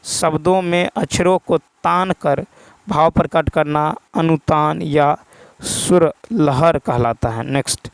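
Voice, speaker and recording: A man's voice: fairly high pitch, creaky, smooth, no room sound, poor audio. A man going through practice exam answers, repeating each key term and asking himself the answer. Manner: reads English questions slowly, word by word. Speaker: exam prep teacher. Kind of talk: explaining a practice test answer by answer.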